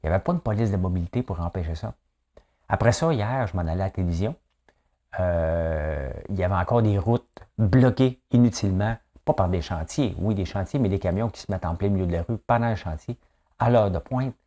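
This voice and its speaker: A Québécois man talks through the day's news on his own, chatty and loose, tossing in little tag questions and exclamations. His voice sits low, with a dark, mellow warmth. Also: brisk. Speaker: morning news commentator. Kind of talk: casual solo commentary.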